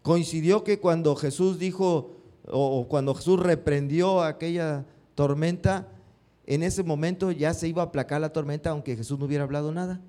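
A man's voice: on the high side, moderate pace. A man preaching a sermon, often stopping to put questions to his congregation. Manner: asks the congregation questions, lively rising emphasis.

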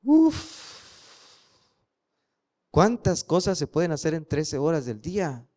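A man's voice: a little high, expressive, normal speed, darkish tone. A man preaching a sermon, telling stories and asking the congregation rhetorical questions.

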